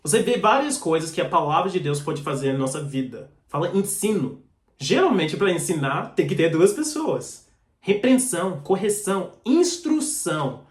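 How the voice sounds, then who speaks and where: A man preaches a sermon in Portuguese, which isn't his first language, so he has a foreign accent. His voice is on the high side with big pitch swings at a normal speed, and he teaches earnestly and directly, reading scripture verses aloud in an echoey room.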